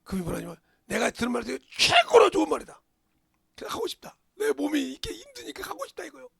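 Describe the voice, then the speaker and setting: A middle-aged male pastor preaching a sermon in a church, dropping to whispers and bursting into shouts. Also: very high-pitched, wildly swooping pitch, fast talker, gravelly, dry recording. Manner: swings from hushed whispers to sudden shouts. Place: church sanctuary.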